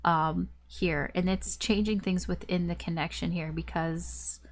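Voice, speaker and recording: A woman's voice: lowish voice, fairly even intonation, a little slow. A woman giving a casual, rambling tarot reading, her voice stuffed up and nasal as if pinching her nose. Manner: rambling, repetitive, circling back over phrases. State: congested with a blocked nose. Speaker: tarot reader.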